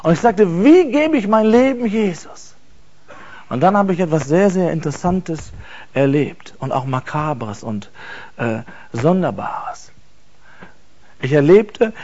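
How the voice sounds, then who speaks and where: A man telling an emotional personal faith testimony, earnest and halting, repeating words for emphasis. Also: high-pitched, darkish tone, highs cut off. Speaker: speaker giving a faith testimony.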